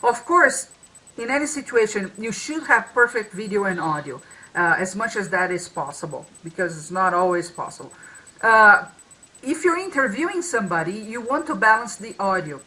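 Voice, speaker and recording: At a normal speed and with lively intonation, a woman co-hosts a casual marketing webinar over video call, her strong, medium-pitched voice sharp in tone. She restarts a lot and uses many fillers, captured on a low-quality recording.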